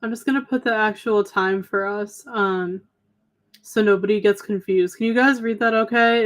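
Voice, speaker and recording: Young adult woman, livestream co-host, casual filler-heavy chat, slightly tired voice. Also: mid-range voice. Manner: chatty, lots of "um" and "like". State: slightly losing her voice. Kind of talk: casual chat reading viewer comments.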